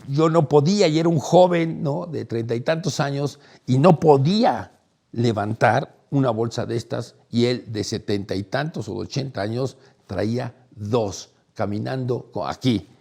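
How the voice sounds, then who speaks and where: A middle-aged man, hosting and telling a personal story in a casual, animated way. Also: mid-range voice, creaky. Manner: animated, acts out quoted voices, laughs while telling. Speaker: host, storyteller.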